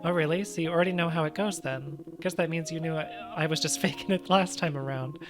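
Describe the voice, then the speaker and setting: A player voicing a big-hearted monster man who talks casually and softly over game music. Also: medium pitch, fast talker, lightly acted. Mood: sheepish. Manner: casual, slangy, soft-spoken when sentimental. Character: gruff, tender monster man, big-hearted tough guy.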